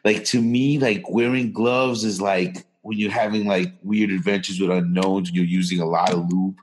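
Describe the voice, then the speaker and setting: Deep-voiced crude New man. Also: level tone, normal speed. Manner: crude, laughing, joking. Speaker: podcast co-host. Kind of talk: casual chat.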